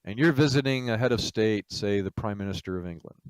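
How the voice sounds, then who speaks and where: A man's voice: fairly low pitch, brisk, clear, resonant tone, dry recording, rough recording. A man giving an informal lecture on project management, telling stories in a blunt, salty way with lots of fillers. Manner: casual, blunt, salty, lots of "you know". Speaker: game studio executive teaching project management.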